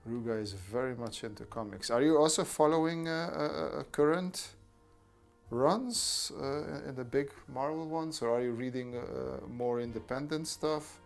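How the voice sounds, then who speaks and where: A man runs a casual art livestream, chatting with viewers, answering the chat, and talking them through the drawing steps. His mid-range voice has vocal fry and a moderate pace, with soft background music playing.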